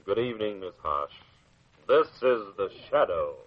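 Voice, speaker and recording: An actor playing a mysterious, menacing male avenger in an old Australian radio drama, with a husky, taunting, theatrical delivery. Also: fairly low pitch, very animated, normal speed, dry recording. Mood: silky menace. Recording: muffled lo-fi vintage radio recording.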